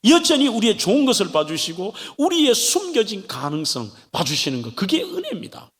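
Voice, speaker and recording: A male pastor preaching a sermon in a church, delivering it in an animated way with dramatic turns. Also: high voice, a little fast. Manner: animated preaching, acting out pleading voices of biblical figures. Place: church sanctuary. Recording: long hall reverb of a church.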